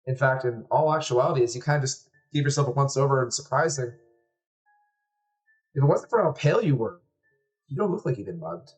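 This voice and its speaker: A man acting as game master, narrating a tabletop game at an ordinary mid pitch. His delivery is relaxed and descriptive, with casual fillers. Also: fairly quick, long pauses, soft background music.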